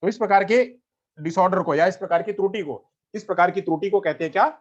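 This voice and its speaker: High-voiced man teaching, lo-fi sound. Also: fast. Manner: repetitive, asks and answers his own questions. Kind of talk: exam-prep lecture. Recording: dull lo-fi recording.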